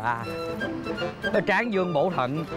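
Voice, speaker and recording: A man's voice: fairly high pitch, lively intonation, slow pace, over loud music. A man playing a wry character muttering to himself in a family sitcom. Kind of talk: sitcom acting.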